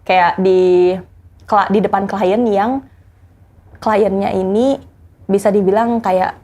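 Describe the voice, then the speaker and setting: A woman's voice: medium pitch, steady tone, takes it slowly, a little mellow, a little hiss or hum. Chatty woman telling her story. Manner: chatty, many fillers, mixes in English. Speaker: former personal assistant. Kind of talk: casual interview storytelling.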